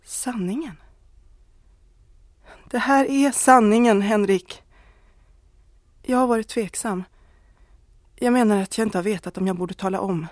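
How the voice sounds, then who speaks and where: A woman's voice: medium pitch, long pauses, no echo, lightly acted. A woman voicing a married woman who confesses a love affair, earnest and pleading, close to tears. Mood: confessing.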